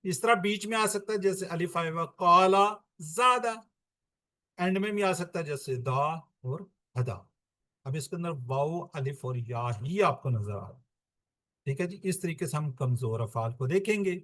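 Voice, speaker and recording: A man teaches a Quran lesson. His voice sits fairly high. He explains step by step and poses questions he answers himself. The recording is dry and close. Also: dry recording. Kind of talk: classroom-style lesson explanation.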